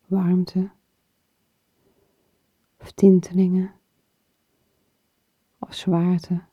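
A woman guiding a muscle relaxation exercise in short, soothing phrases, her soft breathy voice often falling toward a whisper. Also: lowish voice, completely flat delivery. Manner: slow, soothing, with pauses between short phrases. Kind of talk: guided muscle relaxation instruction. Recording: dull lo-fi recording with room echo.

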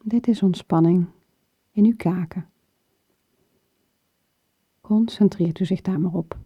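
A woman guiding a muscle relaxation exercise in short, soothing phrases, her soft breathy voice often falling toward a whisper. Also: fairly low pitch. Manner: slow, soothing, with pauses between short phrases. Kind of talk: guided muscle relaxation instruction. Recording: dull lo-fi recording with room echo.

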